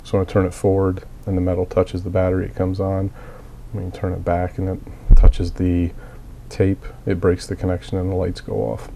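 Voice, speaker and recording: With a deep, warm, gravelly voice, a man speaks in a monotone at a moderate pace and hardly pauses; slight background noise is audible. He's a miniature hobbyist recovering from a cold who coughs at times while giving a plain, methodical, casual walkthrough of a hobby build with frequent fillers.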